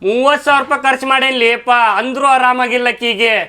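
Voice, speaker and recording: A man's voice: very high-pitched, level tone, fast, bright, forceful tone. A man with a North Karnataka accent in a comedy skit, talking in a worried, pleading way. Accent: North Karnataka Kannada. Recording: music clearly behind.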